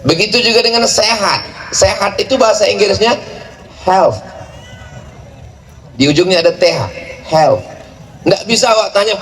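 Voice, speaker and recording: A man preaching at a big gathering, joking with the crowd and chanting lists of words at speed. His voice sits fairly high. The sound is echoey, with faint ambient noise around it. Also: a bit bright. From Indonesia. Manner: playful, joking, rapid chanted Arabic recitation. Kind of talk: sermon at a large religious gathering. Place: large outdoor or hall gathering at a boarding school.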